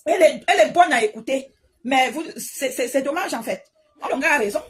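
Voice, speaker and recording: A woman from Cameroon, an online commentator, delivers an impassioned spoken monologue, animated and repetitive, full of stammering restarts. Her voice is high-pitched and a little fast.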